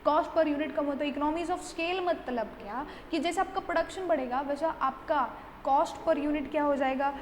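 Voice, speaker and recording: A woman with an Indian accent teaches an exam-prep class in a high, light voice. She dictates notes word by word, repeats each point and asks herself questions before answering. The recording has a long hall reverb over a faint hiss. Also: a little slow, hardly any pauses. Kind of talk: online lecture mixing Hindi and English.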